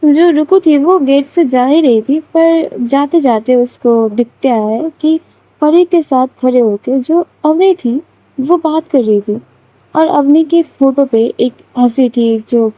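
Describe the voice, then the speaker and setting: A woman's voice: high voice, a little slow, warm tone, no echo. A woman storyteller narrating a story in a chatty, casual way with many fillers.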